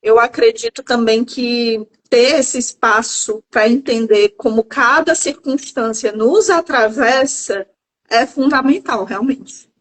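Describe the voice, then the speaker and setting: A Brazilian woman with a slightly high voice speaks in a calm, measured way. She guides a reflective live conversation as a guest psychologist, often stopping to find the right word. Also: low-quality recording. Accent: Brazilian Portuguese.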